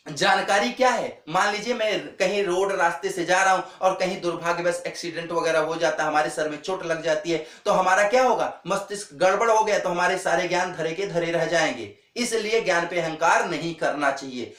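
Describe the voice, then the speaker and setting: A man's voice: high voice, a bit bright, echoey room. A man teaching an exam-prep lecture, earnest and repetitive, calling his viewers friends as he drills key points.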